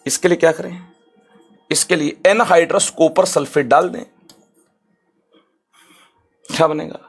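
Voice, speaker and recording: A man teaching chemistry in an online lecture, lively and chatty, slowing down for careful English definitions and often checking in with his students. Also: fairly high pitch, vocal fry, breathy edge.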